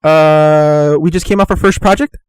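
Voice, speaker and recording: A man's voice: a little high, fairly even intonation, normal speed, smooth, no echo. A young man hosting a casual podcast, rambling with lots of fillers and restarts. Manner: rambling, filler-heavy, laughs easily. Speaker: podcast host. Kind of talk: casual chat.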